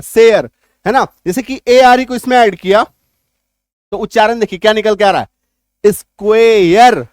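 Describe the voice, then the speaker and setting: A man teaching an English spelling lesson, explaining step by step, spelling words out slowly and loudly, and often asking whether the class is following. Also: very high voice, no echo, clean studio sound. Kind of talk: spoken language lesson.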